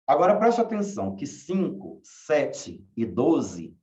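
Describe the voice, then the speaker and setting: A man teaching a class, asking questions slowly and repeating key words. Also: a little high, wildly swooping pitch, darkish tone. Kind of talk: online class lecture. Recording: echoey room, dull lo-fi sound.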